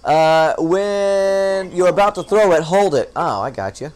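A man's voice: high voice, animated, a little slow, a little mellow, smooth. A man hosting a casual game stream, laid-back and rambling, often chuckling. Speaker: streamer host.

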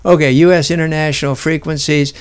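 Man, instructor, smooth resonant voice, rambling, many fillers. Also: on the high side, steady tone, brisk. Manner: rambling, full of restarts and fillers. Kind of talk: informal screen-share lesson.

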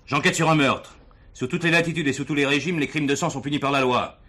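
An actor playing a firm, matter-of-fact police commissioner in 1970s TV drama style. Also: male voice, deep voice, quick pace, fairly bright tone. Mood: stern. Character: stern police commissioner, middle-aged, unflappable.

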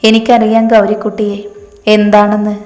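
A woman voicing a kind young village man in a storybook, gentle, reassuring and a little teasing. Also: mid-range voice, monotone, moderate pace, close to an everyday voice. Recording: echoey room with long reverb.

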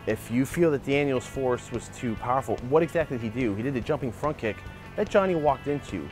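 A man in his forties hosts a martial arts channel, arguing his case in lively, animated commentary. He's recorded outdoors in a backyard on a clip-on lapel mic. His voice sits at a middle pitch, with faint music underneath. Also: brisk. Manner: animated, gestures a lot while arguing a point. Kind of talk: opinionated video commentary. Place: outdoor backyard by a wooden fence.

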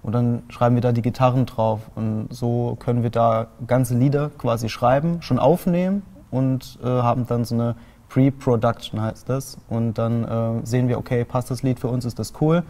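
A man's voice: medium pitch, fairly even intonation, normal speed, warm tone. A man in his twenties from Saarland, a band member explaining at length in a TV studio interview, with many fillers. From Saarland, Germany. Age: 20s. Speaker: band guitarist. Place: small TV studio with colored lights.

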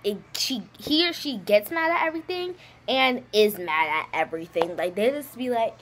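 A female vlogger riffs in a slangy, chatty comedy style. Her voice sits on the high side and leaps up and down with lively pitch. A faint hiss runs under the recording. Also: normal speed. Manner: chatty, slangy, animated storytelling. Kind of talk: casual comedy vlog.

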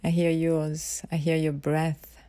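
Woman, low-key mellow tone, very slow, intimate right-in-your-ear guided visualisation, soft phrasing. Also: little pitch movement, dry recording. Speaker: guide of a self-love ritual. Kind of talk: intimate guided visualisation, spoken softly to a partner.

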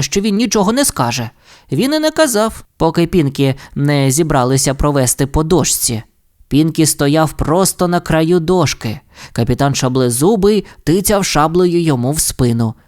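A man narrating a children's audiobook story in an expressive, playful way. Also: fairly high pitch. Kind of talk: audiobook fairy tale narration.

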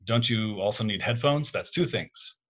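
A man voicing a calm, self-deprecating middle-aged father in a read-aloud story, close to his own voice. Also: fairly low pitch, normal speed, lightly acted. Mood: joking. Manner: calm, gently joking.

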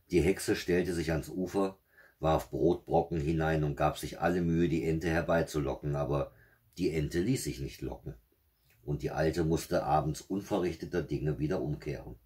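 A man with a husky voice reading a fairy tale aloud in a steady, measured way. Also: very deep voice. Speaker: storyteller.

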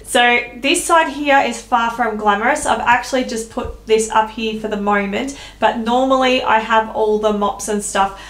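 A woman with a fairly high, fairly bright voice speaks at normal speed with fairly even intonation and few pauses. A home decor vlogger, she gives a chatty, candid, self-deprecating tour of her small laundry room, filmed close up on a handheld camera. The small room is echoey with a faint hum.

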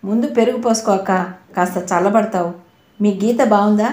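A woman's voice: mid-range voice, brisk, a little mellow, lightly acted. A woman voicing a playful young woman who teases her elder sister, in an audiobook reading. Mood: teasing. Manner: teasing, light. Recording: roomy echo.

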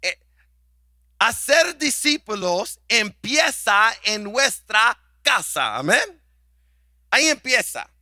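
A man's voice: sits high, big pitch swings, slow, long pauses, bright, forceful tone, no room sound, studio quality. A middle-aged male pastor preaching a sermon in a church, emphatic and repeating words as he builds his point. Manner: emphatic preaching, repeats words and restarts, drops in English "come on". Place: church sanctuary.

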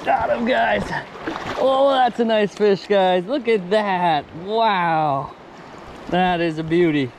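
A man fishing outdoors by a river, calling out excitedly to his viewers as he lands fish, recorded on a head-mounted camera. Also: high voice, creaky. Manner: enthusiastic, keeps calling out to viewers. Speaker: fishing vlogger. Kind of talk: excited on-the-spot commentary. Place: outdoors by a river under a bridge. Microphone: head-mounted action camera. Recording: action-camera audio over loud stream noise. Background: rushing stream water.

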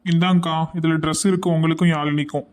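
A man's voice: fairly high pitch, level tone, fast, a little mellow, natural voice. A man playing a caring, generous young brother. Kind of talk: cartoon voice acting.

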